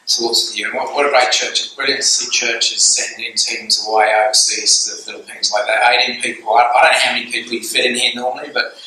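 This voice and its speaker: A man's voice: mid-range voice, steady tone, fast talker, sharp tone, a little hiss or hum. An Australian man giving an earnest, conversational guest talk at a church, telling stories. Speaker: guest speaker. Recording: echoey church hall, far from mic.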